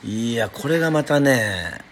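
A man's voice: mid-range voice, animated, a little slow, slight background noise. A middle-aged man from Yoron Island hosting a casual live radio stream, chatting, joking at himself and answering listener comments. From Yoron Island, Japan. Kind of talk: casual livestream chat.

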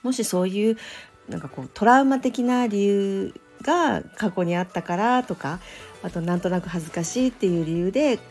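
A woman who teaches English pronunciation, talking alone on her podcast in a gentle, thoughtful way with many small fillers. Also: mid-range voice, moderate pace, faint music behind. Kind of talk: solo podcast talk.

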